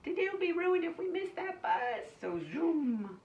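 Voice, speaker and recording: A woman's voice: extremely high pitch, big pitch swings, measured pace, muffled recording, voice pushed up, full character voice. A woman reading a storybook aloud, voicing a worried but loving young mother who reassures her daughter and later grows weary and apologetic. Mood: reassuring. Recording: distant mic, faint background noise.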